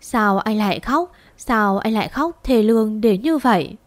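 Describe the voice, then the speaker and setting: A woman tells a sad first-person story in a slow, mournful voice. Her pitch sits in an ordinary middle range. The recording is close and completely dry, with no room sound at all. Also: animated, no echo.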